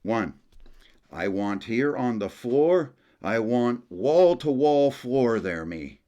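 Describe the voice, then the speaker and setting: A man's voice: mid-range voice, expressive, slow, mellow, dull audio, pitched above the performer's own voice. A man voicing an earnest, simple Acadian French woodsman who speaks broken English emphatically. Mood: eager, emphatic.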